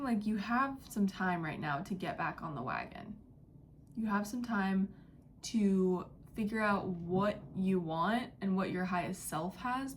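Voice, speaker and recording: A young woman giving a spiritual channeling message, talking in a halting, dreamy way with many fillers and slipping into soft whispers. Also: medium pitch, slight background noise. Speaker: psychic channeler. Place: indoors near a window, street and birds outside.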